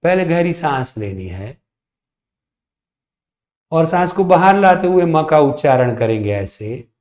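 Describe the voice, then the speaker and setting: Calm man slowly walking through a yoga lesson, echoey room. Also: on the high side. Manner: calm, deliberate instruction. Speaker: yoga teacher. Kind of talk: slow spoken yoga lesson.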